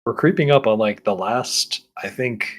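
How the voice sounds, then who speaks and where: A man running a tabletop game, narrating and chatting casually in halting, hesitant phrases. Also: mid-range voice. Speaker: game master.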